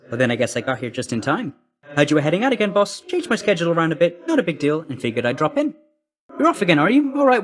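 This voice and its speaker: The performer voices a video game's cheeky young messenger god in a slightly high male voice, sounding cheerful and chatty. He keeps the delivery brisk, breezy, slangy, chummy and clipped.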